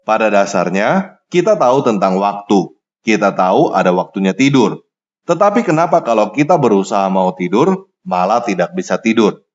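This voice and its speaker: Low-voiced man preaching with lively emphasis. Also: moderate pace, lo-fi sound. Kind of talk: scripted sermon narration.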